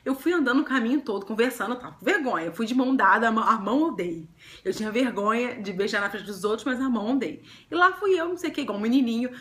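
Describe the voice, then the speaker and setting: A young Brazilian woman vlogger telling a personal love story to camera, chatty and animated, often breaking into giggles. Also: a little high. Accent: Brazilian Portuguese.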